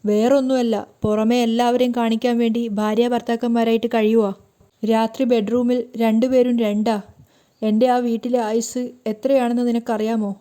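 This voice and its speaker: A woman's voice: fairly high pitch, little pitch movement, moderate pace, warm tone, clean tone, lightly acted. A woman voicing a hurt, tearful young married woman who pleads and scolds.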